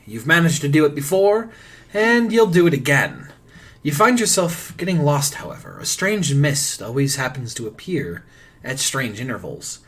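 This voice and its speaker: A man's voice: mid-range voice, a bit bright, breathy edge. A man narrating a tabletop game as game master, often laughing as he talks.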